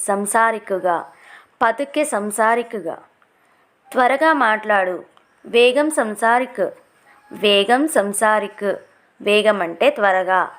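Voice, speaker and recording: A woman teaching short everyday phrases, saying each one twice slowly and then explaining it word by word. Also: a little high. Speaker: language teacher. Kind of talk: slow repeated phrase lesson.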